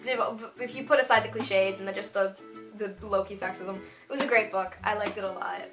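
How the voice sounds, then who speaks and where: A young woman giving a casual spoken book review, gushing and animated, full of "like" fillers. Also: medium pitch, moderate pace, over music.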